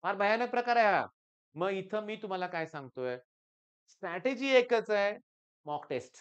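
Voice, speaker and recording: A middle-aged male tutor with a Marathi accent, coaching exam students in an emphatic motivational talk. He drives points home with loud stresses, then drops into quiet asides, repeating his reminders to pay attention. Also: sits high, clear, resonant tone, highs cut off. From Maharashtra, India. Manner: emphatic, often repeats "lakshat ghya".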